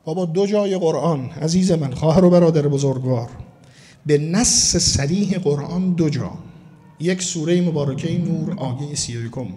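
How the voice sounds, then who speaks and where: A man from Mashhad delivering a sermon as a cleric, emphatic and slowing down to stress key words. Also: on the high side, mellow. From Mashhad, Iran. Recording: long hall reverb.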